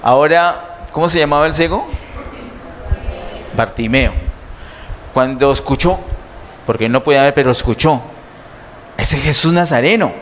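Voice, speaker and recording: A male pastor preaches in a fairly high voice, pausing to ask his congregation rhetorical questions. He speaks slowly and deliberately. The sound carries a long church reverb over a faint hiss. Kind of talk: sermon. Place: church sanctuary.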